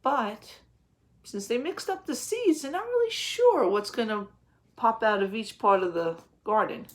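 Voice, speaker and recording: In a small home office, right by her webcam, a woman in her thirties reads a picture book as a teacher would for young kids. Her pitch is fairly high and her intonation lively, yet she stays gentle, breaking off to ask questions and simplify words.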